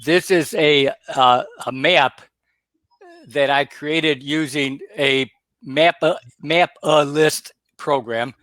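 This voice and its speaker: A man comes through a video call with a dry, close sound and a somewhat high voice for a man. He explains things haltingly, with many fillers and restarts. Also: steady tone, a bit bright, dry recording. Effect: heard over a video call. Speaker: guest presenter. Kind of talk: casual explanation on a webinar.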